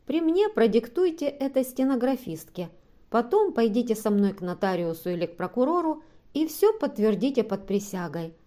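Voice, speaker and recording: A woman's voice: on the high side, sing-song, moderate pace, dark tone. A woman reading an audiobook and voicing a stubborn, distrustful man who scornfully accuses a woman of lying. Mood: decisive.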